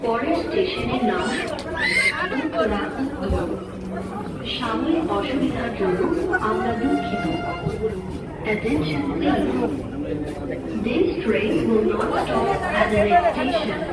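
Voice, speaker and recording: A woman making formal, measured announcements over a train's public-address speaker. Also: on the high side, animated. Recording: echoey distant speaker in a crowded noisy train. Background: crowd chatter and train noise.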